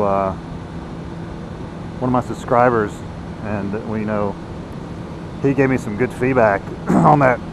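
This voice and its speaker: A man with a mid-pitched voice talks in a loose, conversational motovlog style. He is recorded inside a helmet while riding, with clear vehicle noise around his words. His delivery is laid-back and rambling. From United States. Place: outdoors, riding a motorcycle on the road. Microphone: inside a motorcycle helmet. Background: engine and road noise.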